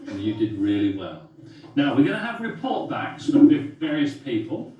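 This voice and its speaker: A man teaching a class and leading a simulation game, talking in a brisk, directive way, recorded from a distance in a classroom. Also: medium pitch, huge pitch swings, muffled recording, slight background noise. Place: school classroom. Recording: echoey room, mic far off.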